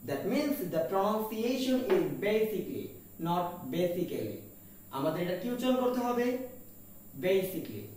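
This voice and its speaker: A man's voice: high voice, lively intonation, measured pace, hardly any pauses, a little mellow, distant mic, slight background noise. A man running a pronunciation lesson, spelling words out letter by letter and repeating them, asking his listeners what each word is. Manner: mixes Bengali and English, asks "what is it?". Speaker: English teacher. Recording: very echoey room, voice from off-mic.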